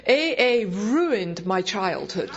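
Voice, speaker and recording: A woman's voice: medium pitch, big pitch swings, slow, some chatter behind. An English-accented woman giving a humorous personal talk to an audience at a convention, wry, hesitant and self-deprecating. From England. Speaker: guest convention speaker. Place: convention meeting room, speaking to an audience. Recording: dull, lo-fi live event recording.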